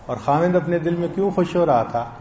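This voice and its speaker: Male preacher, raised voice, mellow tone, animated storyteller, dull lo-fi recording. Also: a little high, a little hiss or hum. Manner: storytelling, acting out quoted lines. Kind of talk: sermon. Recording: echoey, dull lo-fi sound.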